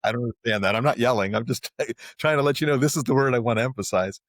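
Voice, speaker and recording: A middle-aged man talking casually as a podcast guest, rambling and restarting often, getting animated when he explains. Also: medium pitch, fast talker, no echo, clean studio sound. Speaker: podcast guest, marketing agency president. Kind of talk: casual interview talk.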